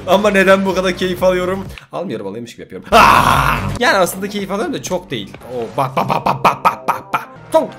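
A man giving loud, joking commentary while playing mobile games. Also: high-pitched, big pitch swings, fairly quick, vocal fry, few pauses. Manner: loud, jokey, swearing, exclaiming at the game. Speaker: gaming youtuber. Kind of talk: let's play commentary.

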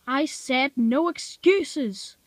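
A stern, portly male railway boss from a homemade toy-train storybook, put on by a woman reader, slow and emphatic. He gives firm, clipped orders in a voice set a little above her own. The recording is dry and close. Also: sits high, no echo, pitched above the performer's own voice.

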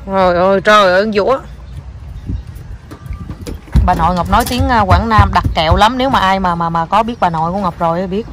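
A woman's voice: mid-range voice, quick pace, slight background noise. A young mother with a southern Vietnamese accent, talking casually in a family vlog. She keeps up a chatty stream of coaxing and praise for her child, slipping English words into her speech.

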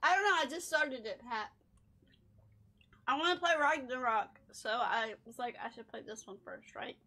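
A woman's voice: on the high side, moderate pace, bright, forceful tone. A young woman streaming a game, chatting casually and giggling as she talks back to her viewers. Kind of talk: casual chat while gaming.

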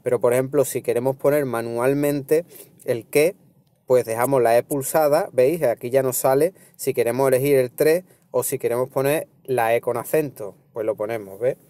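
Relaxed Spanish man explaining a phone tutorial. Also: medium pitch, normal speed. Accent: Spanish from Spain. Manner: relaxed, explaining step by step with frequent "¿vale?" and "¿veis?". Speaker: tech tutorial host. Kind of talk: casual screen-recorded tutorial.

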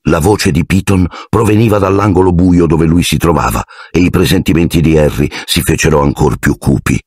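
A man reading an audiobook aloud in scripted, expressive storytelling narration. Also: deep voice, a little fast, breathy edge, dry recording, studio quality.

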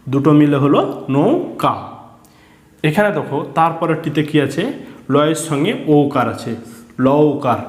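A man teaching a children's reading lesson, spelling out each step patiently and repeating it. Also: mid-range voice. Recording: echoey room.

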